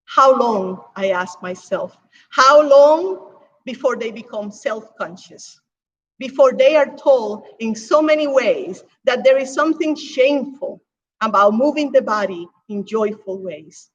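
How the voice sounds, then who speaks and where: A woman from Cuba preaching a sermon as pastor, with emphatic swells and hushed drops. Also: on the high side, expressive, unhurried, dull audio.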